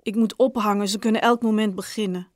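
A woman's voice: medium pitch, fairly even intonation, quick pace, dry recording, natural voice. A woman reading the lines of a distraught man in hospital, tearful and then snapping angrily. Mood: tense. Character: distraught middle-aged man, diabetic brother in hospital.

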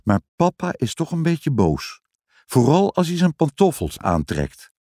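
A man reading a children's story aloud in an expressive, sing-song storytelling manner. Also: on the high side, unhurried, no echo, clean studio sound. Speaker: narrator.

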